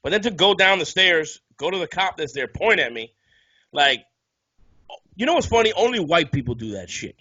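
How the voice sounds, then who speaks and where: A man's voice: on the high side, expressive, normal speed, sharp tone, breathy edge, lo-fi sound. A man co-hosting a casual podcast, telling a story in a heated rant full of swearing. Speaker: podcast co-host.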